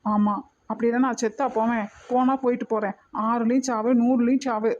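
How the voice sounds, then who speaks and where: A woman voicing a calm, protective young man in a cartoon, talking in a patient, gently scolding way. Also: a little high, moderate pace, lo-fi sound, very noisy, close to an everyday voice. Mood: pleading, exasperated. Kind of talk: cartoon voice acting.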